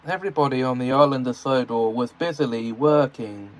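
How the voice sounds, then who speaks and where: A man reading his own storybook-style fan fiction aloud, with steady storytelling narration. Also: medium pitch, brisk.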